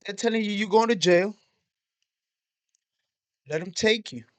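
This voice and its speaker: A man's voice: sits high, measured pace, dry recording. A man hosting a reaction video, giving blunt, profane, matter-of-fact commentary.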